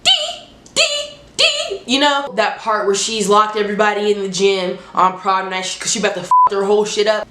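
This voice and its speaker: A woman's voice: medium pitch, fairly bright tone. A woman with a stuffed-up, nose-pinched sound from allergies, chatting casually and expressively in slangy speech as she reviews films. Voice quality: congested, nasal, like holding the nose. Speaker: movie reviewer hosting a top ten countdown. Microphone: handheld phone. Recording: roomy, echoing home recording.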